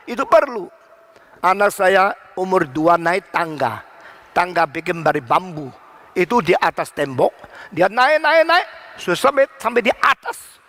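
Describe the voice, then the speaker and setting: High, lively male preacher. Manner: animated preaching, mixing in English phrases; bursts into sudden loud exclamations. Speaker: pastor. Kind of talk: sermon.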